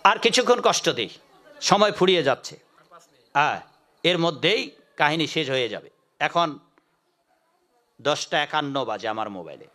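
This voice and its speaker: A male preacher delivers a devotional sermon. His voice sits high and rings brightly as he tells a folk tale with lively, animated delivery. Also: moderate pace, pauses often. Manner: animated, acts out story voices.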